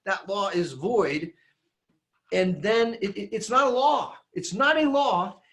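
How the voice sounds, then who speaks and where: A man giving an emphatic, animated lecture that he reads from a handout, with frequent restarts. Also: high voice. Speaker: teacher.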